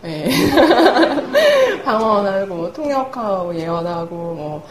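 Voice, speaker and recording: A woman's voice: medium pitch, sing-song, drawn-out words. A young woman preaching a humorous sermon in a chatty, self-mocking way, laughing often as she talks. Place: church hall. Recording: echoey church hall, faint room noise.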